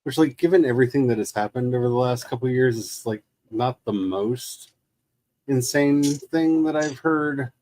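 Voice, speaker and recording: A man's voice: mid-range voice, normal speed, a little mellow, no echo. A man hosting a casual gaming stream, chatting in wry, rambling asides. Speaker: livestream host. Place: room shared with second speaker.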